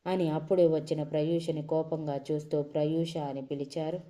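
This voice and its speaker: Woman narrating a dramatic story, deep and mellow. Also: flat delivery, moderate pace.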